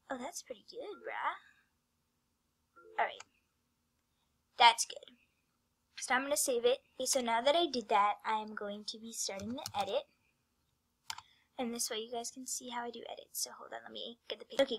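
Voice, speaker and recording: A woman's voice: fairly high pitch, husky. A female vlogger talking casually and rambling as she works, often dropping her voice to a whisper. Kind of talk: casual screen-recorded vlog.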